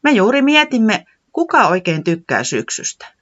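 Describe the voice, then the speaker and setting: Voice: mid-range voice, dull audio, voice pushed up. A storyteller voicing a bubbly, bossy garden creature who loves spring, in a children's storybook reading. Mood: excited. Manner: bright, bossy, excited.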